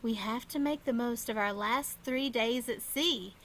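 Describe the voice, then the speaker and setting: A woman's voice: high-pitched, animated, moderate pace, slight background noise. A woman voicing a young aunt who is fond but firm, in a storybook reading. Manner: gently stern.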